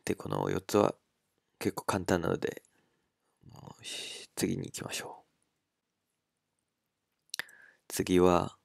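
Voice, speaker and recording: A man teaching a language lesson in a relaxed spoken style, working slowly and carefully through pronunciation drills. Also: low voice, vocal fry, no room sound, studio quality.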